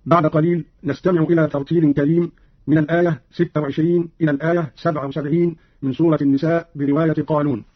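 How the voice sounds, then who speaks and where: A high-voiced man reads a formal scripted explanation in a measured tone, now and then demonstrating a recited phrase. The recording is dull and lo-fi, like old radio, and very dry, with no room sound. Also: little pitch movement, slightly rough, no echo. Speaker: radio presenter explaining readings.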